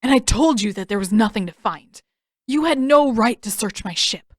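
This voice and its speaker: A woman's voice: medium pitch, normal speed, no echo, studio quality, lightly acted. A woman voicing a hot-tempered young male prince in a fan audiobook reading, snapping and indignant. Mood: furious.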